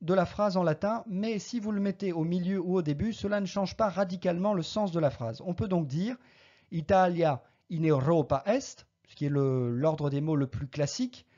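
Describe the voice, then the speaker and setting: A Latin teacher giving a recorded lesson, slowly modelling each Latin word's pronunciation and then explaining it. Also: medium pitch, dark tone, dull audio.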